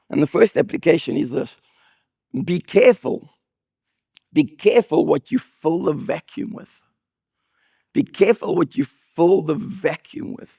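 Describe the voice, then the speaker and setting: A man preaching a sermon as pastor, with an accent, telling humorous stories with sudden high bursts of emphasis. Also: no echo, studio quality. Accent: non-local accent. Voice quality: gravelly, husky voice. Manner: animated, jokey storytelling with sudden high bursts.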